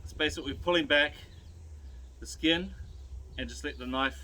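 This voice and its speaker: A man with a broad Kiwi accent hosts a hands-on demonstration in a bright, forward voice. He talks in a laid-back, colloquial way, chatting to viewers as he works. There is some background noise around him. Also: fairly high pitch, moderate pace. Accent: New Zealand. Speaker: host demonstrating butchery to viewers. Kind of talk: casual chat while working.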